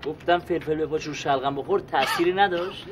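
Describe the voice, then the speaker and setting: A man's voice: on the high side, background noise, natural voice. A man playing a flustered, wheedling fixer. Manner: wheedling, pleading, talks himself out of trouble. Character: fast-talking flustered man juggling favors and lies. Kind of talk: TV sitcom acting.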